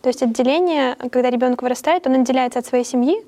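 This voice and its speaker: A woman's voice: high voice, racing, warm tone. A young woman, a university student, speaking thoughtfully in a panel discussion. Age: young adult. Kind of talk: casual discussion.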